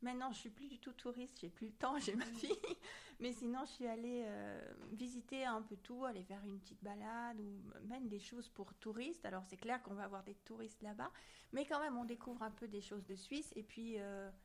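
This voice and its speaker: A woman's voice: on the high side, steady tone, normal speed. A woman guest, a native French speaker, chatting in a friendly, talkative way during an interview. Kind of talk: casual interview chat.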